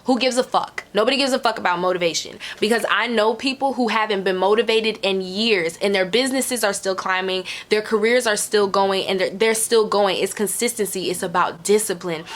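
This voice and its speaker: A woman's voice: mid-range voice, fairly bright tone. A woman answering viewer questions in a casual, candid way, repeating phrases for emphasis and swearing freely. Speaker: host of a Q&A.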